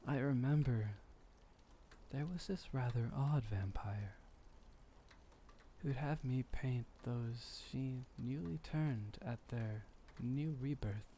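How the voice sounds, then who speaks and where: Calm and reminiscing, a man voices a centuries-old vampire boyfriend in an intimate ASMR roleplay, refined and gentle with formal phrasing. He's soft-spoken and soothing, medium-pitched and slow, and a little hiss or hum is audible.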